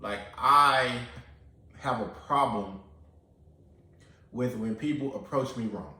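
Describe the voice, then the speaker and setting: Animated man chatting in an echoey room. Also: medium pitch, slow pace, a little hiss or hum. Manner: animated, acts out quoted lines; eating while talking. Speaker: podcast co-host. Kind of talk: casual chat.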